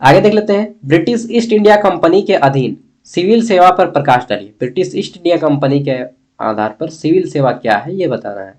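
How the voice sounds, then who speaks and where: Expressive and brisk, a history teacher's fairly high, slightly mellow voice carries a Bihar-Jharkhand accent from eastern India. He leads a casual exam-review session, bluntly voicing opinions and often checking in with listeners.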